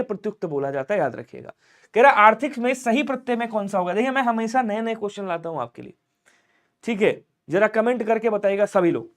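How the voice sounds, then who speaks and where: A man teaches a live online lesson for exam candidates. He keeps urging viewers to comment quickly and asks questions that he then answers himself. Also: high voice. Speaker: Hindi teacher for police exam prep.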